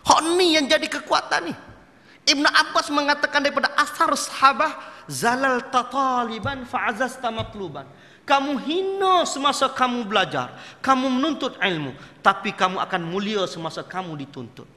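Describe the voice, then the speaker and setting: A middle-aged man giving a mosque sermon, telling lively stories and acting out his teachers' voices. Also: extremely high pitch, normal speed. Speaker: religious teacher. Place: mosque prayer hall. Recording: echoey hall.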